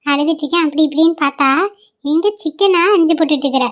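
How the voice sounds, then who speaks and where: Cartoon: quick, high, teasing granddaughter, a woman voicing her. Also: fairly even intonation, close to an everyday voice.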